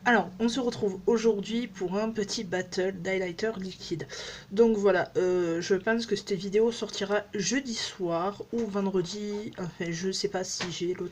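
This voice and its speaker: A woman's voice: mid-range voice, steady tone, measured pace, darkish tone, slight background noise. A woman beauty vlogger chatting casually at home through a makeup demo, rambling and joking at herself with many fillers.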